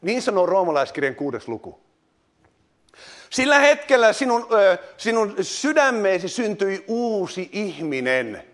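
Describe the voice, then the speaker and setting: A man's voice: high voice, sing-song, fairly bright tone. A middle-aged man preaching a sermon, emphatic, with sudden rising exclamations and frequent hesitation fillers.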